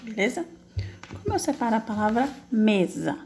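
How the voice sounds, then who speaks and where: A woman teacher patiently corrects exercises in an online class, posing questions and answering them herself one step at a time. Her voice is on the high side, sing-song and a little mellow, and she spells slowly in drawn-out syllables as she types, over a little hiss or hum.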